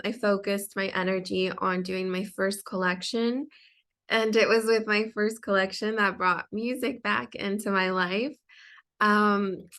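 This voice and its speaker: A young adult woman who works as a designer and singer tells her story as an interview guest. Her medium-pitched voice is a bit bright, and she talks chattily, full of fillers and restarts.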